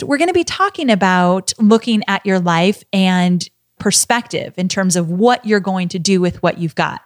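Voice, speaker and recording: A woman hosting an interview podcast speaks with eager, upbeat enthusiasm. Her voice sits at a middle pitch. The sound is close and dry, with no room echo. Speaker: podcast host. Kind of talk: scripted podcast intro and interview.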